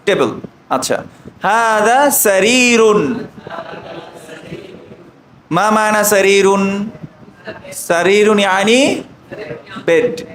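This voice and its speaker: A man teaching an online Arabic lesson, drawing out slow model phrases and often asking the students check questions. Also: sits high, lively intonation, a bit bright, reverberant, a little hiss or hum, poor audio.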